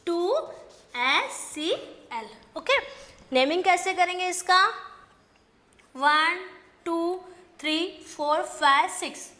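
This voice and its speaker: A woman's voice: extremely high pitch, pushed and bright. A woman teaching an online chemistry lesson, mixing Hindi and English, asking and answering her own questions. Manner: dictates slowly in English, quick in Hindi.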